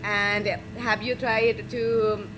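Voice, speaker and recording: A native Spanish-speaking woman hosts a game live stream, reading viewer comments aloud and chatting with them encouragingly. Her mid-range voice keeps a level tone and draws out words, with background noise present.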